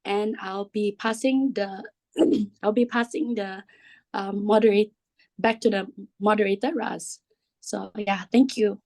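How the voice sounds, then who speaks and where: A woman's voice: medium pitch, fairly even intonation, a little slow, a little mellow. A woman, the program officer, giving friendly, chatty welcoming remarks while losing her voice. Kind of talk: welcoming remarks on a video call.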